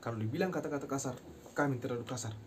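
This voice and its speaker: A young male student talks through a recorded class presentation at a middle pitch. He explains each term, then slowly sounds the phrase out again, with a few English words dropped in. A faint hiss sits under the voice. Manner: mixes in short English phrases. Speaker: university student.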